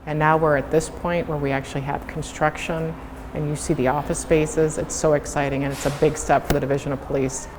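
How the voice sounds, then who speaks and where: A woman gives an on-location interview in a lowish voice with very flat intonation. Clear background noise from the site sits behind her. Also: brisk. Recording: clearly noisy event location.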